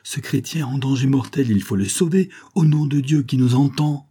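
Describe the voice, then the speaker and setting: A man's voice: medium pitch, a little fast, warm tone, husky, voice pushed up, natural voice. A man voicing an anxious, out-of-breath Jesuit priest who pleads urgently. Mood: pleading. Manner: urgent, imploring.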